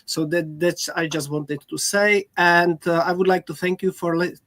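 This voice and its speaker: A middle-aged woman from the Czech Republic with a Czech accent, giving panel remarks in a halting way, searching for words. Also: fairly low pitch, fairly even intonation, fairly bright tone. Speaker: teacher, panel speaker.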